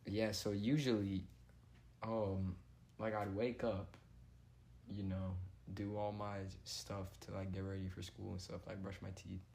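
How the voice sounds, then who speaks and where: A teenage boy speaks hesitantly and unsure of himself, in a low, gravelly voice. A faint background ambience sits behind him. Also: little pitch movement, a little slow, a little mellow, slight background noise. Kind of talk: casual chat.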